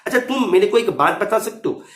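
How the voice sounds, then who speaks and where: A man's voice: high-pitched, big pitch swings, brisk, fairly bright tone, roomy sound. A man teaching math, explaining an exam solution step by step and often checking if students follow, mixing English terms into his Hindi.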